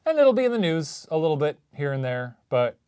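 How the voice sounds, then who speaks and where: A man's voice: a little high, sing-song, a little fast, dark tone, smooth. A man co-hosting in casual banter, trading dry, sarcastic quips. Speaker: co-host.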